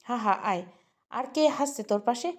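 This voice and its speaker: A woman's voice: a little high, animated, moderate pace. A woman voicing a playful young woman who teases her friend over the phone. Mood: teasing.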